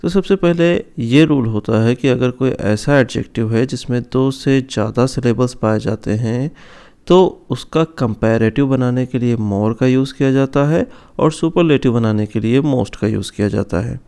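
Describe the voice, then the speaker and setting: A man teaching English grammar in an online lesson, slowing down to stress each example word. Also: mid-range voice, mellow, clear, resonant tone. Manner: slow, careful stress on example words.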